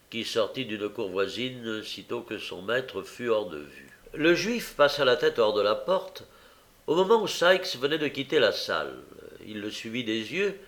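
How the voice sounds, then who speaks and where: A man narrating a classic novel as an audiobook, reading in a measured way with occasional hesitations. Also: mid-range voice, a bit bright.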